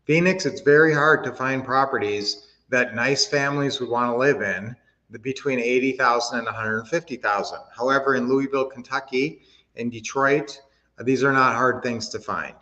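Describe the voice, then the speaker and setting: A man's voice: medium pitch, steady tone, moderate pace, bright, forceful tone, lo-fi sound. A man from Minnesota hosting a real estate investing livestream, chatting casually, answering chat comments and teaching with lots of fillers and restarts.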